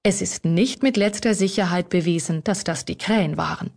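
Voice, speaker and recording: A woman's voice: on the low side, normal speed, vocal fry, darkish tone. A woman voicing an elderly male butler who speaks firmly and matter-of-factly. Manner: firm, matter-of-fact. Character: steady elderly male butler, loyal and calm.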